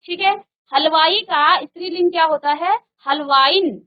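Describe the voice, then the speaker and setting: A woman teaching a grammar lesson to a virtual class, slowly and patiently, repeating word pairs and asking the class questions. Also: extremely high pitch, lo-fi sound. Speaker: Hindi teacher. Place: studio.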